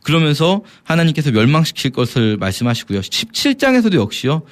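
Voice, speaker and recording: Animated man explaining scripture. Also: on the high side, quick pace. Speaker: Bible teacher. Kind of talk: radio Bible explanation.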